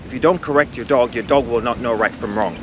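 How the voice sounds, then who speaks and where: A man's voice: medium pitch, quick pace, highs cut off, background noise. A man who trains dogs, talking bluntly and directly to the viewer while walking a dog outside. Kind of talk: outdoor training instruction. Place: outdoors on a street.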